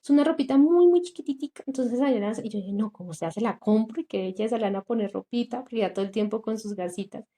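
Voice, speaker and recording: A woman's voice: on the high side, fast, few pauses, warm tone. A young woman, earnestly recounting a painful personal testimony on a podcast, acting out the voices of people she met. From Colombia. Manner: earnest, recounting with quoted dialogue and many fillers. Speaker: guest sharing testimony.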